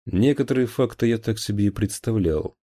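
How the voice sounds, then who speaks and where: A man voicing a brisk, dutiful police officer. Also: on the low side, dark tone, no room sound, pitched above the performer's own voice, lightly acted. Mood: firm, businesslike. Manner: brisk, matter-of-fact reporting. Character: dutiful male police officer, loyal to his men.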